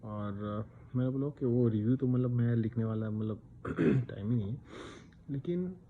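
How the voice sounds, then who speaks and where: Speaking at a normal pace in a mid-range voice, this Indian man in his thirties shares a personal story on his casual vlog. His delivery is chatty, and English words slip into his talk. There's a faint hum of background noise and the audio is a bit dull.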